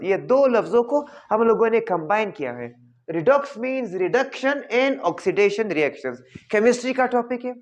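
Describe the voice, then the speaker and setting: Male biology teacher, high voice, dull lo-fi recording. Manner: mixes Hindi-Urdu and English, explains slowly, repeats terms. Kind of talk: classroom lecture. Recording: dull lo-fi audio.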